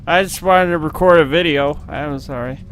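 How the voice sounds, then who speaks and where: A man giving casual, excitable commentary as he plays a video game at his computer, laughing often and yelping when something happens. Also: a little high, normal speed. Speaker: gaming video host. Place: at home at a computer with webcam.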